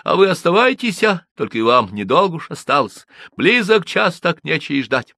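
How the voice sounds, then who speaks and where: A man's voice: fairly high pitch, sing-song, moderate pace, sharp tone, dry recording, studio quality, pitched above the performer's own voice, heavily acted. A man voicing a tearful young peasant girl who talks in wailing village speech. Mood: tearful, urgent.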